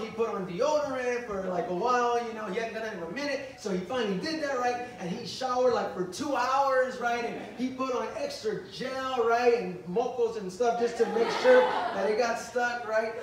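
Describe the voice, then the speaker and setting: A man's voice: high-pitched, slight background noise. A man preaching to a youth service, joking and acting out little scenes, switching between English and Spanish. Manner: playful, joking, acts out dialogue. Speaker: youth pastor. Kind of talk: bilingual youth sermon. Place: church hall. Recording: echoey church hall from far off.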